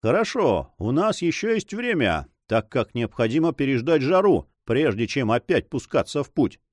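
A man's voice: medium pitch, very animated, normal speed, dry recording, clean studio sound. A man voicing a composed, resolute male buccaneer leader with a wry edge.

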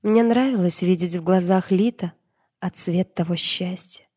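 A woman reading a dark fantasy novel as an audiobook narrator, in a measured, dramatic way. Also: on the low side, husky.

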